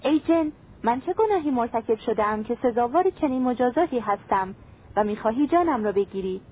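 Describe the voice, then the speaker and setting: A woman's voice: a little high, expressive, breathy edge. A woman doing a terrified pleading merchant. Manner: pleading, desperate. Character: frightened male merchant pleading for his life. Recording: tinny phone-like sound.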